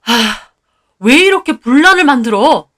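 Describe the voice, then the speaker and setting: A woman's voice: on the high side, expressive, slow pace, a bit bright, heavily acted. A woman voicing an exasperated husband who sides with his mother, speaking irritably in a storybook tale. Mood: irritated. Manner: pleading, irritated.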